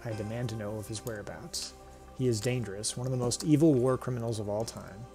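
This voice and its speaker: A man's voice: mid-range voice, fast, mellow, lightly acted. A man reading game lines as a boastful young male sword hero, grandiose and demanding, with faint music behind. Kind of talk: reading game dialogue aloud.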